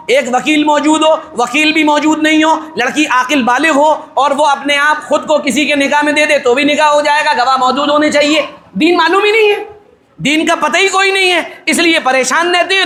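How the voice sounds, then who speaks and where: A man's voice: very high voice, bright, forceful tone, reverberant. A middle-aged male cleric giving a conversational wedding sermon, full of humor, rhetorical questions and acted-out dialogues. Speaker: Islamic cleric officiating a wedding.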